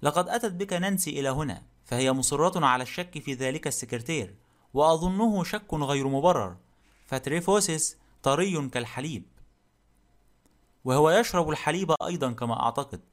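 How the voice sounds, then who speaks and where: A man voicing a blustering, gruff burly man. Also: a little high, lively intonation, brisk, lightly acted. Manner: gruff and blunt, barking insults. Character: blustering burly middle-aged man, rude and short-tempered. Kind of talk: audiobook character reading.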